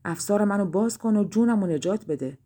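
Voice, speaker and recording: A woman's voice: mid-range voice, lively intonation, mellow, breathy edge. A woman voicing a talking enchanted horse in a storybook, pleading.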